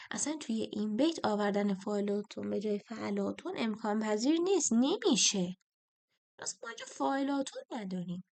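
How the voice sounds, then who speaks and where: A woman teacher talking students through a poetry test question, chanting the meter feet slowly. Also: sits high, gravelly.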